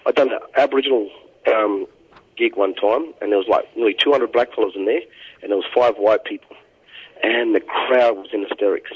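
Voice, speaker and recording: An Australian comedian answering interview questions earnestly, halting and repeating words as he thinks. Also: lowish voice, breathy edge, muffled recording.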